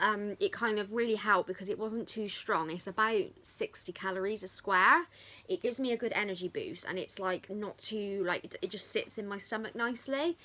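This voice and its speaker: A woman's voice: mid-range voice, pushed and bright. A woman chatting casually as a fitness vlogger, rambling off on tangents. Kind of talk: casual chat to camera.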